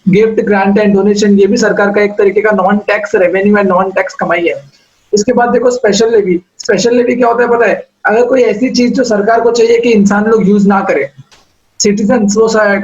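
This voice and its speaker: A man's voice: high voice, muffled recording. A male teacher giving a lecture, explaining step by step and asking questions that he answers himself. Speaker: commerce teacher. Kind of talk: classroom lecture.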